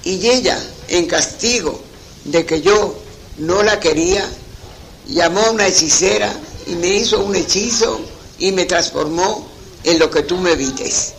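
A man's voice: high voice, unhurried, a bit bright, slight background noise, low-quality recording. A man voicing a young, courteous enchanted prince. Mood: gentle.

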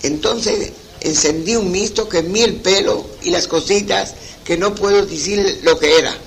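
A man's voice: high-pitched, measured pace, vocal fry, slight background noise, poor audio. A man voicing a curious young girl who recounts what she found. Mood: earnest.

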